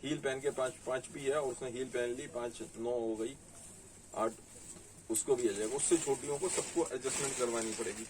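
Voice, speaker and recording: A man's voice: mid-range voice, fairly even intonation, moderate pace, a little mellow, far from the mic, a little hiss or hum, rough recording. Chatty shopkeeper man, Delhi Hindi. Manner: chatty, reads out prices and sizes. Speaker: saree shop owner selling online. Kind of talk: casual sales talk showing garments. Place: shop in Delhi.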